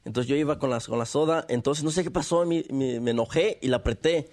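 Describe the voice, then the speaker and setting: A man's voice: mid-range voice, a little fast. A man chatting casually in a group, telling a story with lots of laughter. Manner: animated storyteller, laughs often.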